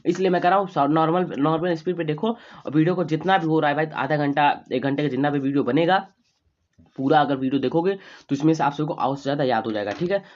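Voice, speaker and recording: A man teaching a quick exam revision, repeating each question and answer to drill it in. He reads English terms slowly and then explains them in Hindi. The audio is slightly dull and lo-fi. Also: fairly high pitch. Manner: rapid, repetitive, keeps asking and answering his own questions. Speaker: online exam tutor. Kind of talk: fast exam revision lecture.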